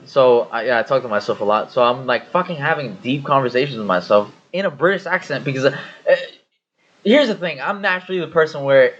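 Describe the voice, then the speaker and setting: A man's voice: medium pitch, animated, a little fast, a bit bright. A man co-hosting a podcast, telling a rambling story full of swearing in casual chat. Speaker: podcast co-host. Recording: dull audio with faint hiss.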